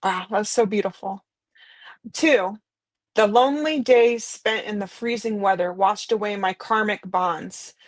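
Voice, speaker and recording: A woman's voice: medium pitch, measured pace, no echo. A woman co-hosting a live talk, reading spiritual quotes aloud with emphatic delivery.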